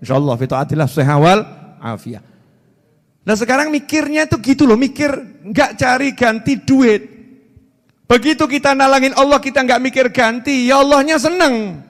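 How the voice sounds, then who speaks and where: A man in his forties with a Javanese-inflected Indonesian accent, giving an animated, joking sermon full of repetition. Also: very high-pitched, moderate pace. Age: 40s. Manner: animated, repetitive, jokey storytelling. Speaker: preacher. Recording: reverberant hall.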